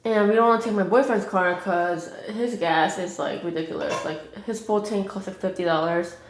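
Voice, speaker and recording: A young woman chats casually while eating on camera. She rambles and fills her pauses with 'like' in a mid-range voice. The room around her echoes noticeably. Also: medium pitch. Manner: rambling, heavy use of 'like'. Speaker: mukbang vlogger.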